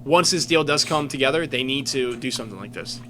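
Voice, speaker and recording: Male sports podcast co-host, bright edgy voice, faint hum. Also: mid-range voice, expressive, a little fast. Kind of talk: casual sports chat.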